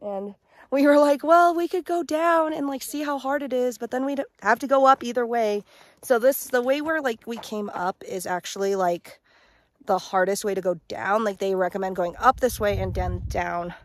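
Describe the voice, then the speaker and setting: Worn out after a day of hiking, a young adult woman vlogs on a mountain ridge, holding her phone at arm's length. She rambles casually through her travel chat, full of "likes" and "ums," in a slightly high voice at a moderate pace.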